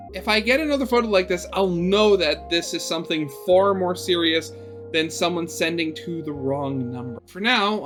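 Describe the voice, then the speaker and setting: A man with a high-pitched, pushed and bright voice narrates a visual novel aloud as a gaming host. He switches between storybook-style reading and offhand, sarcastic commentary.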